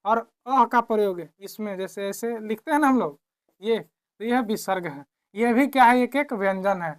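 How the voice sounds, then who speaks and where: A woman teaching a classroom lesson, who keeps asking her own questions and answering them, repeating each point slowly. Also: medium pitch. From India.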